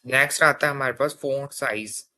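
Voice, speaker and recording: A young man gives a casual coding lesson, his medium-pitched voice brisk, bright and forceful. He walks his listeners through each step and keeps checking in with them, often asking "theek hai."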